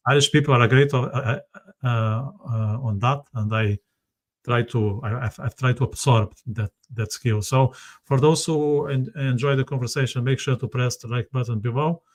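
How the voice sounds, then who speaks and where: A man hosting a casual interview, talking in a halting way and often repeating his phrases. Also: mid-range voice, steady tone. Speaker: podcast host.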